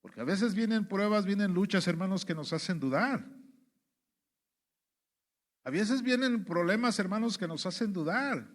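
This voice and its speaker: Male preacher from Mexico, high voice, sermon delivery full of repeated "brothers" and rhetorical questions. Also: lively intonation, normal speed, pauses often.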